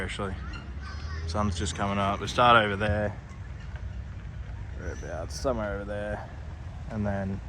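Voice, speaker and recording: A man's voice: on the low side, bright, forceful tone. A man chatting casually to camera in a laid-back, slangy, sweary way, vlogging about his day. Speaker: vlogger, amateur motocross racer. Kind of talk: casual vlog chat, talking to camera. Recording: noisy outdoor vlog, engine and vehicle sounds.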